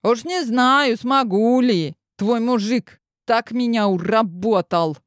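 A woman's voice: on the high side, slow pace, no room sound, voice pushed up. A mischievous young woman in a monster costume grumbles and boasts in a cheeky tone, as a woman acts her out. The recording is dry and close. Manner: cheeky, complaining tone.

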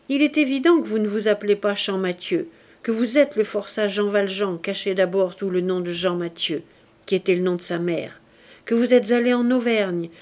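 A woman's voice: mid-range voice, darkish tone, lightly acted. A woman voicing a stern male public prosecutor who speaks in a severe, formal, accusing way.

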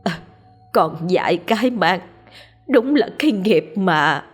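A woman's voice: fairly low pitch, a little slow, slightly rough, soft background music. A woman voicing a meek older mother who pleads tearfully with her son in a narrated ghost story. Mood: pleading, sorrowful.

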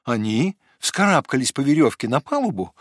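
A man reading a children's storybook aloud with expressive, animated storytelling. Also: medium pitch, normal speed, no room sound, clean studio sound. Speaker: narrator.

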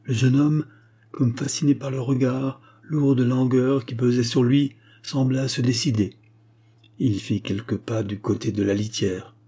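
A man narrating a literary tale in a measured, dramatic reading. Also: medium pitch, fairly even intonation, warm tone, husky. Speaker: audiobook narrator.

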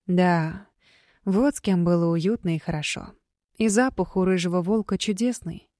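Woman narrator, audiobook fantasy, measured storytelling, mellow tone, dry close sound. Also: fairly low pitch, no room sound. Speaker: audiobook reader.

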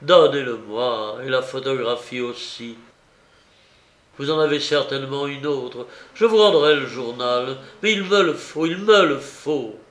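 A man reading an audiobook voices a desperate young man in love with a dead woman, loud and broken as he begs. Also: a little high, fairly even intonation, measured pace, lightly acted. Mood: begging. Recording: roomy echo.

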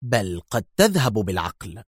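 رجل يؤدي بطل هادئ, ساخر بجفاف, صوت رجل عادي. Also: male voice, on the low side, very animated, normal speed, husky, no room sound, clean studio sound. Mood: wry.

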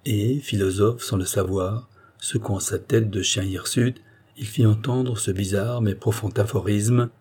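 A man narrating a classic novel in a steady, measured reading. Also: fairly low pitch, breathy edge. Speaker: audiobook narrator.

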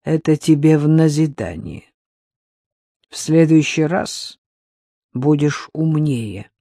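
A man reading the part of a cold, scheming female crime boss who speaks in a measured, menacing way. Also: a little high, animated, vocal fry, dark tone, no room sound, clean studio sound, heavily acted.

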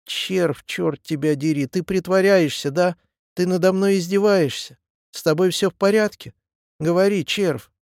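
Man reading as a quarrelsome old partisan for a storybook, raised pitch, gravelly edge. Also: moderate pace, dry recording, clean studio sound, natural voice. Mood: indignant shouting. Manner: shouting, indignant. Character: hot-tempered old male partisan.

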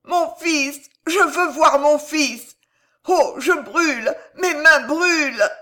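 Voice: high-pitched, slow pace, sharp tone, voice pushed up, heavily acted. A narrator doing a gasping, stricken queen. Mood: anguished. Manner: gasping, feverish cries.

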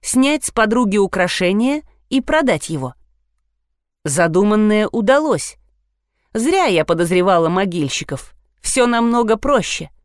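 A woman's voice: medium pitch, big pitch swings, a little slow, dry recording. Woman reading a novel in a dry booth. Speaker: audiobook narrator. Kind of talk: first-person novel narration.

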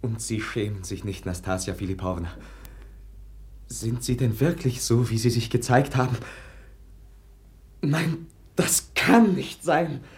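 An actor playing a gentle, earnest young prince in a radio drama. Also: male voice, mid-range voice, measured pace, pauses often, natural voice. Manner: earnest, pleading, soft-spoken.

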